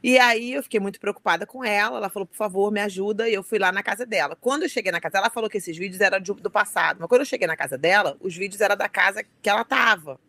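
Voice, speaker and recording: Brief: woman, rapid animated storyteller, dry close sound. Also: mid-range voice, dry recording. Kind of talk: casual chat.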